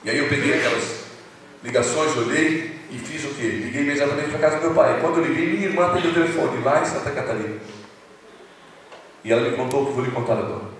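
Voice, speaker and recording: A Brazilian man preaching a sermon as a pastor, telling a story and dropping from loud to hushed. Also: mid-range voice, quick pace, a little hiss or hum. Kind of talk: evangelistic sermon. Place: large church hall. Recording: echoey hall recording from a distance.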